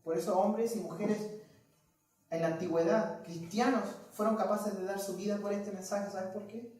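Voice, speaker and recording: A man's voice: high-pitched, fairly even intonation, moderate pace, a little mellow. Man, preacher, emphatic and repetitive, mic set back, very reverberant room. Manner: emphatic, rhetorical questions, repeated phrases. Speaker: preacher leading a Bible study. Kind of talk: sermon. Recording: echoey hall, mic at a distance.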